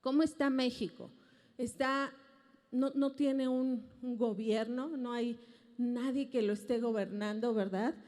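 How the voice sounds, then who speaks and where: A woman's voice: a little high, steady tone, unhurried, a little mellow. Mexican woman preaching in a reverberant auditorium. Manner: asks the audience rhetorical questions, earnest and emphatic. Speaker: pastor. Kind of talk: family teaching sermon to a congregation. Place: large auditorium.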